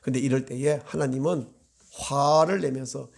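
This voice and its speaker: A male pastor preaching a sermon, swinging from loud, pressing appeals to hushed, near-whispered prayer. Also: mid-range voice, steady tone, moderate pace, gravelly.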